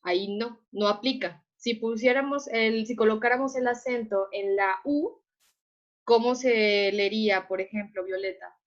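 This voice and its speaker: A woman with a fairly high voice leads an online class, patiently explaining and pausing again and again to ask if everyone is following. The sound is slightly dull and lo-fi, as over a video call. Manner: patient, checks understanding with repeated questions. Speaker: teacher.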